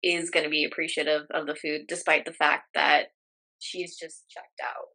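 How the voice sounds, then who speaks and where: Brief: woman co-host, somewhat low pitch, bright tone, relaxed and agreeable. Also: moderate pace. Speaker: podcast co-host. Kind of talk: casual chat.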